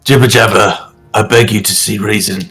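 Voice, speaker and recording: A man's voice: lowish voice, steady tone, normal speed, a bit bright, faint music behind. A man playing a tabletop game, making an earnest in-character plea.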